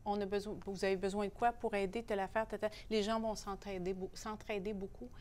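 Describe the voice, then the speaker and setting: Opinionated Canadian French woman. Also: medium pitch. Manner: opinionated, animated, pauses on fillers. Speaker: newspaper columnist, guest. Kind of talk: casual interview conversation.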